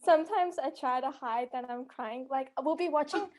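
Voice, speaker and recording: A teenage girl co-host with a high, bright voice. She chats casually and laughs easily while sharing stories. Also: normal speed. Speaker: student podcast co-host. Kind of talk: casual chat.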